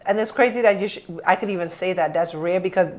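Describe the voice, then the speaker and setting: Chatty Trinidad-born woman hosting. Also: lowish voice. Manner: chatty, quick to agree and chime in. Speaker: podcast host. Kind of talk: casual chat.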